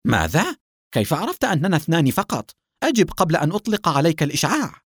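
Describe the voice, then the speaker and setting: A man voicing a tall, ruthless male villain who shouts threats and mocks his enemy. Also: lowish voice, sing-song, moderate pace, breathy edge, dry recording, studio quality. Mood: mocking.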